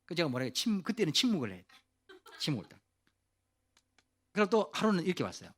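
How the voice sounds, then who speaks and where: A male pastor giving a youth sermon, telling a story in an animated, casual way and asking the listeners questions directly. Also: sits high, fast. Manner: asks the audience questions directly.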